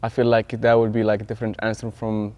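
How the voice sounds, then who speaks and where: A man's voice: on the low side, completely flat delivery, quick pace, darkish tone, dull audio. A young man from Morocco, a parkour athlete and stuntman, talking reflectively in a sit-down interview. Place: dark studio with curtain backdrop.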